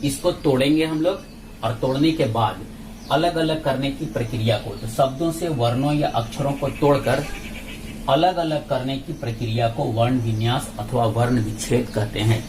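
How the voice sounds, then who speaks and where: A male teacher giving a grammar lesson, spelling out sounds one at a time in a slow, deliberate way. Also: medium pitch, noisy background. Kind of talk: grammar lesson explaining on a board.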